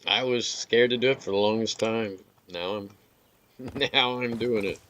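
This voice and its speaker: A man giving relaxed, rambling commentary over his gameplay, with filler words and some hiccups. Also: on the low side, unhurried, slight background noise. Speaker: gaming video creator.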